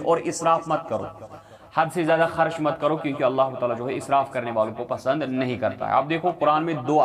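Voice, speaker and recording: A male teacher giving a Quran lesson, reciting Arabic verses and explaining each one in plain terms, often checking that listeners follow. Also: medium pitch. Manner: recites Arabic verses, then explains them in Urdu with frequent checks like "theek hai".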